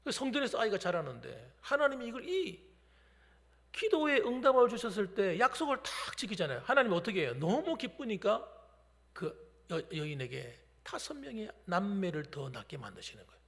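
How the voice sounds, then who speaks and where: A middle-aged male pastor preaches with a high, gravelly voice that swoops up and down as he tells the story. His sermon rings through a church sanctuary with a long reverb trailing each phrase. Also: very animated, normal speed, a bit bright.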